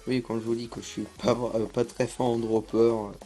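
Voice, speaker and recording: A man's voice: medium pitch, flat delivery, moderate pace, dark tone, faint music behind. Hesitant young man narrating gameplay. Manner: hesitant, many fillers. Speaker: gaming YouTuber. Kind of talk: casual gameplay commentary.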